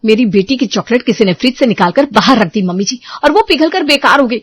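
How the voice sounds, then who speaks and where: A woman acting a shouting, furious mother. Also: fairly high pitch, lively intonation, fast talker, husky. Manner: shouting, scolding. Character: furious mother, loud and quarrelsome. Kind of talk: storybook drama.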